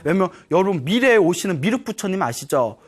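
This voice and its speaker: Man, Buddhist monk, dharma talk, animated storyteller, swooping very lively pitch. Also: quick pace, slightly rough. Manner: animated storytelling, prodding the audience with "예?". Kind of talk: dharma talk to a live audience.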